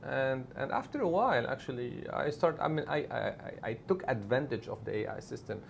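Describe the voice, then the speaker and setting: Speaking briskly and animatedly in a gravelly, medium-pitched voice, a middle-aged man who learned Arabic first appears as a media executive guest. He answers interview questions with emphasis and frequently adds "right?"; faint background noise is audible.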